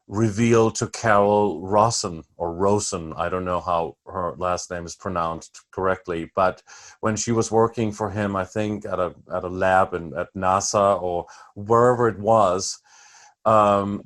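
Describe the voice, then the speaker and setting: A male interview host with a somewhat low voice. His questions run long and wind around, with frequent restarts and self-corrections. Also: fairly bright tone.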